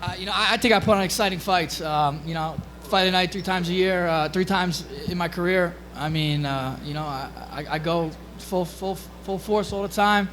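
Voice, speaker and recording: A man answering press conference questions casually as a fighter, in a halting, unassuming way. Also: high-pitched, fairly bright tone.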